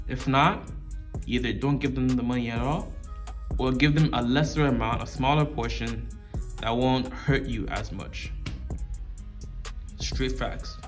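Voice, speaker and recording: A man's voice: mid-range voice, fairly even intonation, a little slow, long pauses. Slangy man chatting casually over music. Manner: slangy street talk, informal. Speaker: video channel host. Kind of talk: casual off-the-cuff talk to camera.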